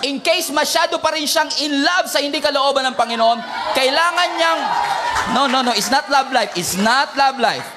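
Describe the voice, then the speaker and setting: Man, pastor, lively sermon, high voice, shouts then drops low, faint congregation behind. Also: moderate pace, a crowd in the background, noisy background. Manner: animated, swings from shouting to low asides, joking. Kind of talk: preaching sermon in Tagalog-English mix.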